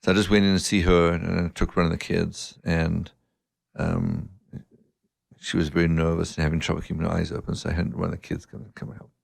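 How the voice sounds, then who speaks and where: A middle-aged man sits in for a casual podcast chat as the guest. His voice is low and gravelly, recorded close and dry. He tells stories at an easy pace and likes to poke fun at himself. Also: fairly quick, no room sound. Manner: relaxed anecdotal storyteller, self-mocking, laughs often. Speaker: guest, eye surgeon. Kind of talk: casual podcast interview storytelling.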